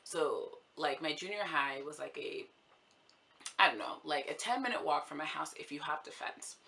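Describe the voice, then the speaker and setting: Low, gravelly young woman vlogging. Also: normal speed, pushed and bright, a little hiss or hum. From United States. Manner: chatty, laughs often, many "like" fillers. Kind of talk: casual vlog talk to camera.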